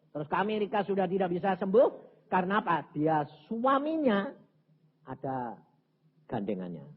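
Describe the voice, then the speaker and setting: A male evangelist, preaching a sermon as a dramatic story and swinging from low murmurs to shouts. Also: slightly rough. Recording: tinny lo-fi recording with faint background hiss.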